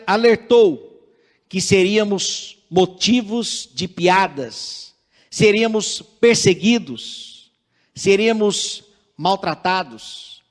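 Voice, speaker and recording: A man with a Brazilian Portuguese accent preaching a sermon in a measured, earnest way, reading scripture aloud. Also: sits high. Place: church sanctuary. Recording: church livestream with long hall reverb.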